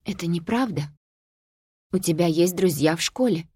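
A woman's voice: fairly low pitch, darkish tone, husky, dry recording, clean studio sound. A woman reading an audiobook, voicing a mother who speaks firmly and lays down strict conditions. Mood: stern. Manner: firm, measured, warning. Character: stern protective mother.

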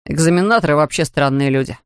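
A man's voice: fairly high pitch, fast, clean tone, no room sound, pitched below the performer's own voice, close to an everyday voice. A man playing a stern formal policeman. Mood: official. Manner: official, dry, formal. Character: stern, weary male police officer. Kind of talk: audiobook character voice.

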